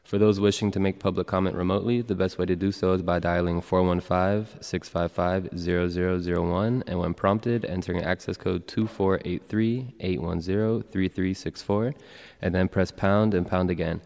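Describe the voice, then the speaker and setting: A man working as a meeting clerk, reading roll calls and announcements in a steady, businesslike way. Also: deep voice, moderate pace, creaky, few pauses. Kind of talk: formal public meeting proceedings. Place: large legislative chamber. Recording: long reverb of a large chamber.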